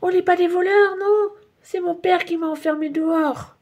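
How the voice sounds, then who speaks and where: A woman voicing an excitable little schoolboy in a storybook reading, eager and breathless. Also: fairly high pitch, a little fast, slightly rough, narrow, tinny audio. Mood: excited.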